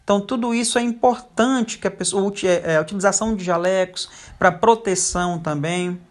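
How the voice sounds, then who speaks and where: A teacher giving a recorded lecture over slides, pausing often with fillers. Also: medium pitch. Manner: frequent hesitation fillers.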